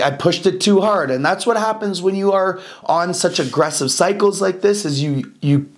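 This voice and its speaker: A young man talking casually to camera as a fitness vlogger, blunt and swearing often, with lots of fillers. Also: on the high side.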